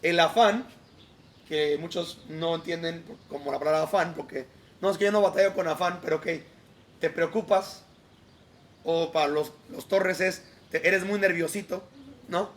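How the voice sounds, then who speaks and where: A man's voice: fairly high pitch, moderate pace, slight background noise. A man with a Mexican Spanish accent preaching a devotional outdoors beside a lake, in a conversational style that keeps checking in with his listeners. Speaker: pastor.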